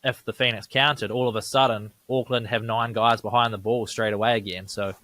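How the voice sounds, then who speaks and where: A man's voice: lowish voice, steady tone, brisk, a bit bright, dry recording. A man, co-hosting a casual sports podcast, talking conversationally and checking in with tag questions. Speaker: podcast co-host.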